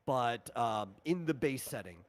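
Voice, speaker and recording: With an animated, mid-range voice, a game host casually goes over a tabletop game's rules. His explanation is halting, and he rephrases as he works through it.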